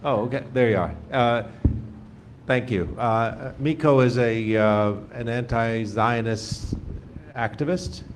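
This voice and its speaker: A man hosting the event, introducing a speaker slowly and haltingly with many pauses. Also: mid-range voice, slight background noise. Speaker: host, moderator.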